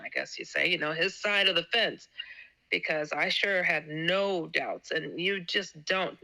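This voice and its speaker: A woman's voice: fairly low pitch, gravelly, pushed and bright, low-quality recording. A woman guest telling a personal story in a casual interview, stammering and repeating words as she acts out quotes. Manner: laughs often between sentences. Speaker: guest author.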